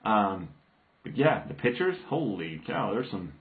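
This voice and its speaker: A man live-streaming to viewers, chatting loudly and rambling with restarts and jokes. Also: lowish voice, very animated, unhurried. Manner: loud, joking, rambling with restarts; ranting. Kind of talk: casual live-stream chat. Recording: tinny phone-like sound.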